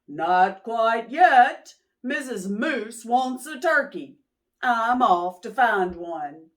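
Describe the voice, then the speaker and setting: A woman's voice: fairly high pitch, expressive, very slow. A woman voicing a big, kindly, determined moose husband in a children's storybook. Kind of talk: children's picture book read-aloud.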